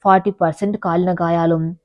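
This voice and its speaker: A woman reads a dramatic story in a steady, measured way. Her voice sits on the low side. The audio is dull and lo-fi with a dry, close sound. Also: no room sound. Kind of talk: scripted narration of a drama story.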